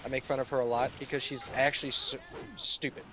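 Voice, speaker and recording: A man's voice: medium pitch, little pitch movement, fast, a bit bright. A young man from the United States in his late teens, chatting sarcastically and rambling while he streams a game. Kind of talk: casual live-stream chat while gaming.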